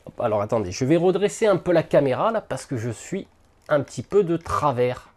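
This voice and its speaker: A man's voice: fairly high pitch, sing-song, brisk, a little mellow. A man hosting a miniatures hobby channel, casually unboxing and thinking aloud to the camera with lots of hesitant fillers.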